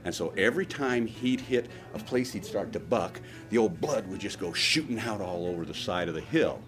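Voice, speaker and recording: A man with a lowish voice and very animated intonation spins a wry, vivid tale. Soft guitar music plays faintly behind him. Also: moderate pace. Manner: vivid, wry, acts out dialogue. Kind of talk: practised humorous anecdote.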